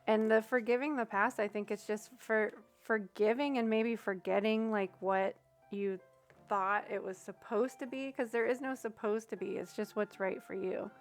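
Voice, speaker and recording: With soft music behind her, a young woman reads tarot during a casual livestream chat with her viewers, thinking out loud and using many fillers. She speaks at normal speed in a medium-pitched, steady-toned voice.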